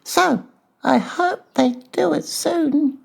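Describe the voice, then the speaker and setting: A man voicing a small, timid, anxious piglet in a children's storybook, fretful and forlorn, with a halting delivery. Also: very high voice, gravelly, pitched above the performer's own voice, exaggerated voice. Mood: forlorn, hopeful. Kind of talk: dramatized children's audiobook character voice.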